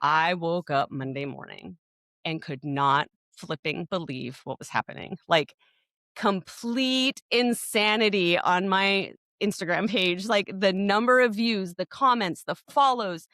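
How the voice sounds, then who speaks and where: Woman podcast co-host, low-pitched, dry close studio sound, chatty and rambling. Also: unhurried, fairly bright tone, dry recording. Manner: rambling storyteller, many restarts and fillers. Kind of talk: casual podcast chat.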